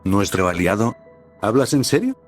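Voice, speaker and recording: A man reading the lines of a brash, skeptical young male soldier in a fan-made story, in a plain, flat way. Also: low-pitched, normal speed, soft background music. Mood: incredulous.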